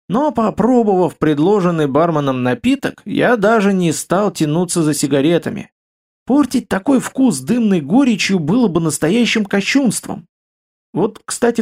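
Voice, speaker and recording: A man narrating an audiobook in a steady, measured reading voice. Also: a little high, vocal fry.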